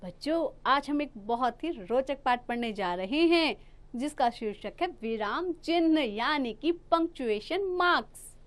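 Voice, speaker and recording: A woman's voice: high-pitched, expressive, a little slow. A young adult woman teacher giving a recorded grammar lesson to young children, asking them questions and answering them herself.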